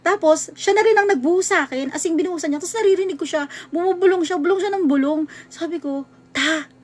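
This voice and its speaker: Halting woman telling a scary story. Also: very high-pitched, a little mellow. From Philippines. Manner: halting, circling back with many restarts. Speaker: vlogger. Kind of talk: casual horror storytelling.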